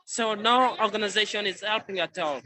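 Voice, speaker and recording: A man's voice: high voice, fairly quick, sharp tone, poor audio. A man from Sudan, speaking as a refugee spokesman at an outdoor protest, earnest and insistent. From South Sudan. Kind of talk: press conference testimony over a call. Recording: crowd noise from an outdoor protest. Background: crowd.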